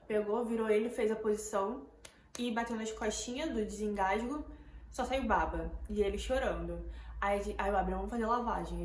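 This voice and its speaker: A young woman with a Brazilian Portuguese accent, retelling a tense night to her viewers in casual, emotional storytelling that keeps repeating words. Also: mid-range voice. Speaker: vlogger. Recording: echoey room, faint background noise.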